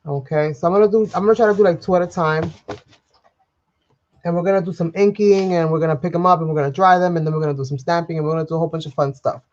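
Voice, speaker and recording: A woman with a lowish, steady, slightly mellow voice races along while hosting a live crafting tutorial from her home craft desk, chatty and rambling with viewers. She sounds sniffly and under the weather, and the overhead-camera livestream, with her off-frame, has lo-fi sound.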